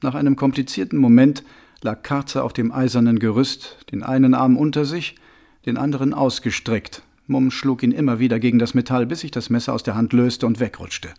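A man reading a novel aloud as an audiobook, with dramatic, expressive storytelling. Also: mid-range voice, brisk, gravelly. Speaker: audiobook narrator. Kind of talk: scripted audiobook narration.

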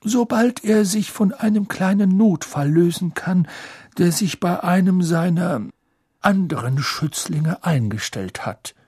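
A man voicing a gracious, courteous old headmaster who speaks politely and gently. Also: high-pitched, animated, measured pace, slightly rough, no echo, studio quality, voice pushed up, full character voice.

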